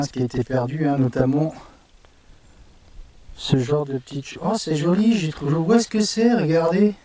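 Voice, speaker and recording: A man talking to viewers while metal detecting outdoors by woods near a castle, chatty and quick to exclaim, always tacking on little filler words. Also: fairly high pitch. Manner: chatty, keeps adding "hein" and addressing viewers; excitable, delighted exclamations. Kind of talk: live commentary to camera while detecting. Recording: distant outdoor mic with faint noise.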